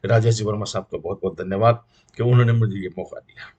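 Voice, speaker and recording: A man's voice: on the low side, steady tone, quick pace, a little mellow, lo-fi sound. A middle-aged man with a Rajasthani Hindi accent, making an earnest moral appeal to the community as a guest speaker, preaching in rhythmic repeated lists. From India.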